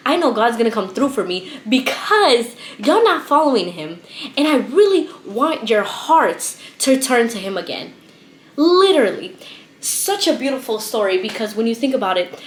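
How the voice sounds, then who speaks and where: A young woman giving a casual, chatty Bible study talk, laughing often and dropping in amens and easy slang. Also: on the high side. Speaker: Bible vlogger. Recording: roomy echo.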